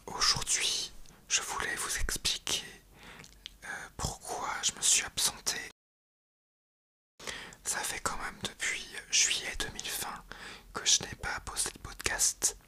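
Young man, whispered ASMR podcast, right in your ear, breathy, slow, halting. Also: bright, forceful tone. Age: young adult. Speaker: podcast host.

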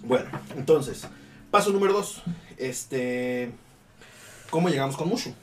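Young Mexican guy host, lively voice, laid-back storyteller, a bit far from the mic with faint noise. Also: mid-range voice, unhurried. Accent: Mexican Spanish. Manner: laid-back storytelling, slangy, laughs often. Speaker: podcast host. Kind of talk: casual chat. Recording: slightly distant mic with faint background noise.

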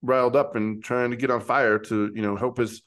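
A man in his forties rambles through a casual sports chat with lots of restarts and easy laughter. His voice sits at a middling pitch, and he talks in an animated, chatty way. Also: moderate pace. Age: 40s. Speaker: podcast co-host.

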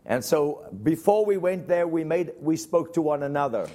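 An older man gives a sermon testimony in short phrases, pausing for his interpreter. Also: on the high side, lively intonation, dark tone. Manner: tells a story in short phrases, pausing for translation. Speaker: guest preacher.

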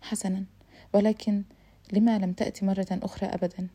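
A woman's voice: mid-range voice, little pitch movement, fast, mellow, slightly rough, close to an everyday voice. A woman reading as a teasing young woman. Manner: playful, self-assured, laughing. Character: teasing confident young woman of twenty-six. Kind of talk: audiobook reading.

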